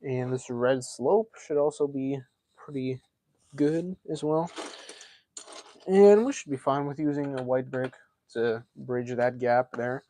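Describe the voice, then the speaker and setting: A man's voice: mid-range voice, takes it slowly, dark tone, no echo. A man hosting a casual live stream, chatting and thinking aloud as he builds, a self-described yapper. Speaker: livestream host.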